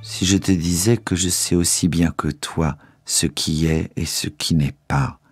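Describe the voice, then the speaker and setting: A poisoned young king speaks slowly in a deep, hushed, husky voice, as a man reads him, grave and weary. Faint music sits under a dry close sound. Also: exaggerated voice. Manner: low, slow, hushed and grave.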